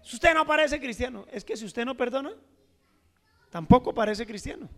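A man preaching a sermon as pastor, asking the congregation questions and reading scripture slowly with stress, swinging from loud emphasis to a near-murmur. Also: very high-pitched, expressive, big-room sound.

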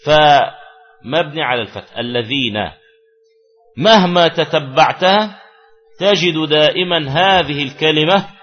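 A man's voice: a little high, a little slow, long pauses, muffled recording. A man teaching an Arabic grammar lesson, repeating key words and asking the class questions.

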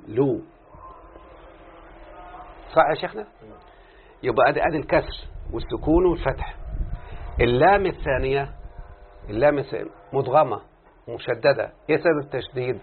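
A male teacher with an Egyptian Arabic accent leads a classroom lesson, constantly asking his students whether they follow. He stretches out syllables and goes over each point again. The sound is thin and phone-like, with a faint hiss underneath. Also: mid-range voice. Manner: keeps checking in with students, repeating and drawing out syllables. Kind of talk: classroom lesson with call-and-response. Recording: tinny phone-like lo-fi sound with faint background noise.

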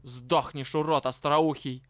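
A man's voice: on the high side, steady tone, fairly bright tone, no room sound, studio quality. A man doing a hissing, growling centaur cab driver. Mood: snarling. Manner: hissing and growling, slow and menacing. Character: snarling, proud half-breed centaur cab driver, male.

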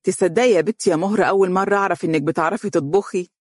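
A man voicing a chatty middle-aged Egyptian mother who talks quickly and fusses. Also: on the low side, no echo, studio quality, lightly acted.

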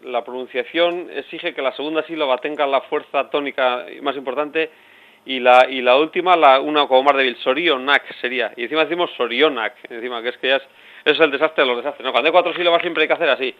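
Fast-talking man explaining on local radio. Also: medium pitch. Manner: explanatory, rambling with restarts. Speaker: radio guest. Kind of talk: radio interview. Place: radio studio. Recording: dull lo-fi radio audio.

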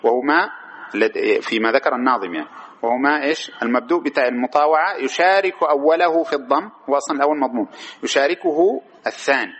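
A man teaching a grammar lesson. He keeps posing quick rhetorical questions to his students and then answering them himself. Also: mid-range voice, fairly bright tone, husky.

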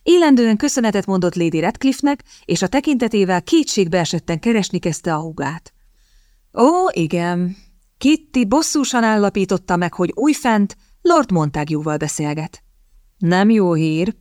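A woman narrating a novel as an audiobook in a measured, even storytelling manner, recorded close on a studio mic. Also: medium pitch, no echo.

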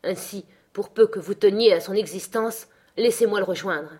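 A woman's voice: mid-range voice, moderate pace, darkish tone, husky, close to an everyday voice. A woman voicing a violent, contemptuous young man in an audiobook, sneering and threatening. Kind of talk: audiobook character reading.

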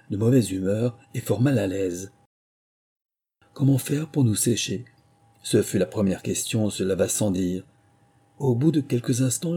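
A man narrating a storybook with a measured, expressive reading. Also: on the low side, breathy edge. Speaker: audiobook narrator.

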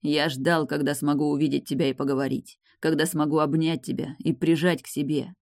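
A reader voicing a steady, loving man who speaks calmly and seriously, in an audiobook with a dry sound. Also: a little high, brisk, creaky, no echo. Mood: pleading. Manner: calm, serious, persuasive. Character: steady, loving man, a grieving woman's partner. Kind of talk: audiobook dialogue reading.

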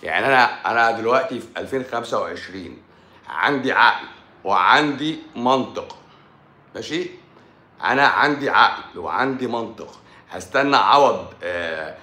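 An Egyptian man, a doctor hosting his own live stream, talking in an animated, sarcastic monologue and repeating points for emphasis. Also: on the low side, reverberant. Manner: sarcastic, mocks critics in a playful tone; repeats himself for emphasis with frequent stumbles.

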